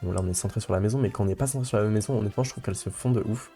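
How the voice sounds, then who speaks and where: A man's voice: lowish voice, very fast, warm tone, soft background music. Rambling young man narrating gameplay. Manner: rambling, many fillers and restarts. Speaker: let's play host. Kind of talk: casual gameplay commentary.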